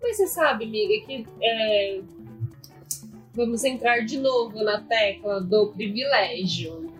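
A woman co-hosting a podcast, chatting casually with opinionated, quick-reacting banter. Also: on the high side, expressive, faint music behind. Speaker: podcast co-host. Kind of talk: casual chat.

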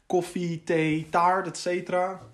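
Higher-voiced Dutchman chatting casually. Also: flat delivery, unhurried. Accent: Dutch from the Netherlands. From Netherlands. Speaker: podcast guest. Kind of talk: casual chat.

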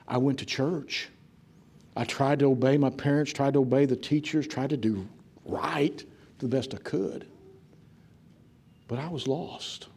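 A man preaching a sermon, swinging from loud, fervent preaching to hushed, near-whispered passages. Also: medium pitch, a little slow, pauses often, breathy edge. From rural area. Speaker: pastor.

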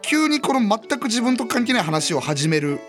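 A man co-hosting a casual talk show, answering quiz questions and firing back quick retorts. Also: extremely high pitch, big pitch swings, soft background music. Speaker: podcast co-host. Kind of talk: casual chat.

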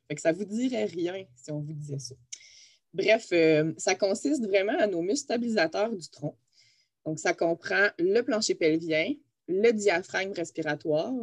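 A woman with a Quebec French accent, a physiotherapist co-hosting a podcast, explains anatomy in a chatty way and laughs easily. Her voice is on the low side, and the studio-quality recording is dry. It's casual explanatory podcast chat.

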